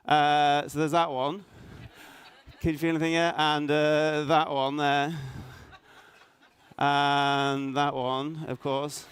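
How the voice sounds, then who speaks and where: A middle-aged man, raised in Norway, speaking at a conference, halting and self-deprecating, full of restarts and fillers. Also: a little high, level tone, clean tone, dry recording. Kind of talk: hesitant conference talk. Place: conference hall stage.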